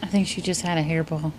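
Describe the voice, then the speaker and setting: A woman's voice: fairly low pitch, a little mellow. A middle-aged woman co-hosting a podcast, in casual chat, teasing and laughing, swearing bluntly. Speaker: podcast co-host.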